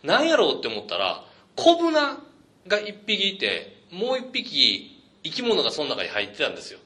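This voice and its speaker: A man with a Kansai accent hosting a casual chat show, telling stories in an animated, joking way. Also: fairly high pitch, normal speed. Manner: animated storyteller, chatty and joking. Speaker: podcast host.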